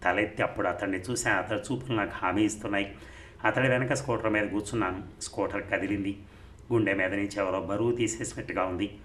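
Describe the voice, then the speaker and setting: A male storyteller reads a story aloud in steady, even scripted narration. His voice sits low. The room is echoey, with a faint hiss behind him. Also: fast. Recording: roomy recording, faint noise.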